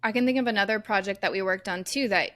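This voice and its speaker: A woman co-hosting a podcast, chatting casually and candidly with plenty of "like" and "um" fillers. Her voice sits at an average pitch for a woman. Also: fast, a bit bright. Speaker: podcast co-host. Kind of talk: casual chat.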